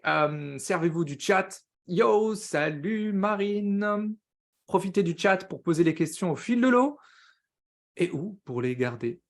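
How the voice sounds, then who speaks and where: An energetic man runs a live coaching stream in a fast, upbeat patter. His voice sits a bit high for a man, and he peppers his talk with quick English words. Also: creaky. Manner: says he talks very fast; upbeat, greets viewers by name, drops English words.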